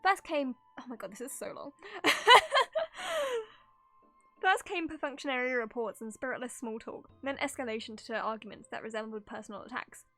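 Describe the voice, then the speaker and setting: Reading a game's story out loud with flair, a female streamer tosses in giggling, amused comments between sections as she reacts live. Her pitch is fairly high, her pace moderate, her tone fairly bright, and faint music plays behind her.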